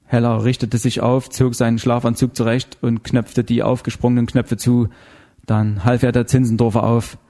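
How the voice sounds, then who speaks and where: A man narrating an audiobook in a measured, dramatic way. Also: mid-range voice, little pitch movement, dark tone. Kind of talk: scripted narration.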